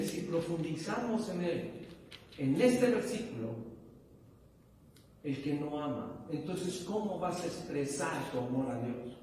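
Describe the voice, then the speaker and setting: A man's voice: a little high, a little mellow, slight background noise. A man preaching a sermon as pastor, questioning his listeners and rising to emphatic bursts. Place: church hall. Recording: echoey hall, from far off.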